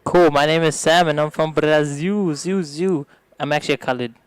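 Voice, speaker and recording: A man's voice: a little high, normal speed, clear, resonant tone, no room sound. A young man in his twenties, raised in South Africa, introducing himself casually and jokingly. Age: 20s. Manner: relaxed, jokey. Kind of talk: casual livestream chat.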